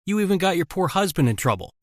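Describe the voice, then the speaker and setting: A man voicing a sarcastic, taunting villainous captor in an animated story. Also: high-pitched, quick pace, no echo, studio quality, pitched above the performer's own voice. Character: sneering villainous middle-aged male captor.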